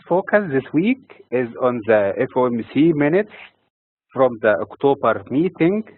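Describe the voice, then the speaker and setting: This Egyptian man reads a scripted commentary on the economy and financial markets from his notes, measured and careful. His voice is medium in pitch, and the audio sounds dry and tinny, like a phone line.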